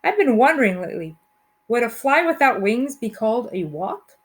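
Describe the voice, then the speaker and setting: A woman's voice: a little high, sing-song, moderate pace. Woman reading as a wisecracking kid comic. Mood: joking. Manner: upbeat, punchline delivery. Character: joke-loving boy narrator, quick with one-liners.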